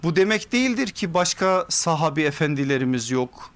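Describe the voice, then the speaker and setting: A man preaching from a pulpit microphone, giving an earnest, measured religious lesson that builds to emphatic repeated phrases. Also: a little high, big pitch swings, a bit bright. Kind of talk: sermon-style lecture. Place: pulpit in a mosque or lecture hall.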